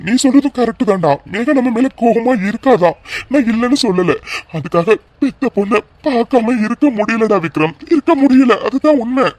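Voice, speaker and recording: A man's voice: very high voice, lively intonation, moderate pace, a little mellow, voice pushed up. A man voicing a heartsick cartoon father. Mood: earnest, emotional. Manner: earnest, pleading. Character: emotional middle-aged father missing his daughter. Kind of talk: cartoon voice acting.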